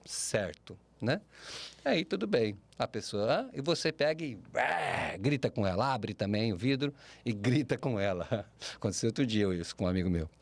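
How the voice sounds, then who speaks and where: A Brazilian man speaking as a podcast guest, animated and expressive, often ending points with tag questions. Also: mid-range voice. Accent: Brazilian Portuguese. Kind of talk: podcast interview.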